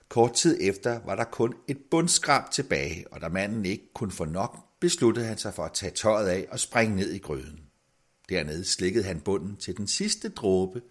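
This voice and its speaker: A man with a low, husky voice reads a fairy tale aloud. His delivery is expressive, and his pitch rises and falls widely. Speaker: storyteller.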